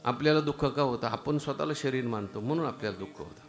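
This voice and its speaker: A man with a Marathi accent preaching a devotional kirtan sermon, telling stories and breaking into loud sung verses. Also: medium pitch, fast talker, faint music behind. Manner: rises into loud sung chants, storytelling with dialogue.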